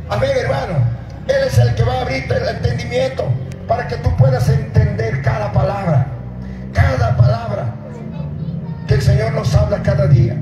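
At night on an outdoor stage, a middle-aged pastor with a high voice delivers an open-air sermon, calling out to the congregation and shouting at the peaks. He speaks into a handheld mic fed through a PA, filmed from far away, so the sound is echoey and distant.

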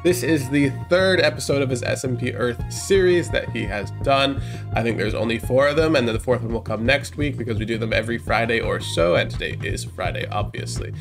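A young man with a congested, stuffed-up voice hosts a reaction channel, talking a little fast in a medium-pitched, creaky tone over background music. He records on a headset mic in a small room, chatty, hyped and rambling through casual commentary.

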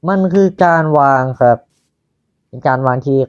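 A man's voice: mid-range voice, clear, resonant tone, dry recording, dull audio. A Thai man casually commenting on his own Minecraft building, chatting to himself as he works. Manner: slow, chatty, talking to himself while building. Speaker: Minecraft YouTuber.

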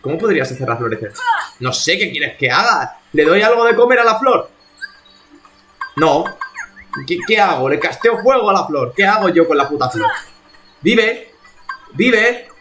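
A man's voice: on the high side, expressive, normal speed, bright, forceful tone, faint music behind. A man from streaming a video game live, talking to himself in exasperated bursts and swearing as he plays. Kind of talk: live gameplay commentary.

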